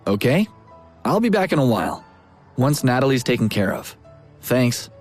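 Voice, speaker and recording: A man's voice: medium pitch, sing-song, normal speed, faint music behind. A man voicing a protective young man who speaks earnestly and reassuringly.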